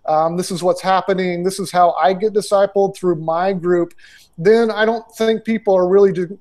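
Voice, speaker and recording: A ministry consultant in his forties answers interview questions over a video call through an earbud headset from a small indoor room. His voice sits high with a darkish tone, and he talks conversationally with plenty of fillers and restarts.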